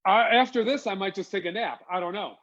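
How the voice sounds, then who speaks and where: Upbeat high-voiced man hosting a live stream. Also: a little fast, fairly bright tone. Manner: upbeat, laughs often. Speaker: host, wig designer. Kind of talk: casual livestream chat. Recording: dull lo-fi sound.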